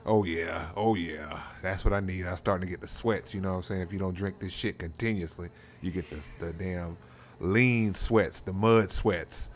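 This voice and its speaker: In a low voice at a moderate speed, the drag racing role-play host chats casually about the game, wandering off on tangents in slang. He repeats "you know what I'm saying" often, and there's distinct background noise.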